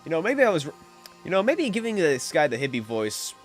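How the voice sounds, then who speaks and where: A man's voice: on the high side, moderate pace, faint music behind. A man giving casual, jokey commentary while playing a video game. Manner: jokey, animated asides. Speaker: let's play streamer.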